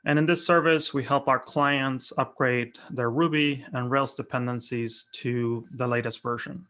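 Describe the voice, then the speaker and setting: A man from Argentina presenting a software workshop over a video call, friendly and relaxed with frequent fillers. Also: mid-range voice, measured pace. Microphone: webcam video call.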